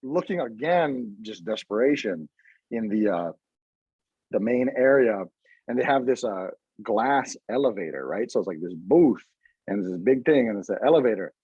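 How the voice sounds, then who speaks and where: A man as a podcast guest, telling an animated story in casual chat and briefly putting on other people's voices. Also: fairly low pitch, moderate pace, breathy edge, dry recording, muffled recording.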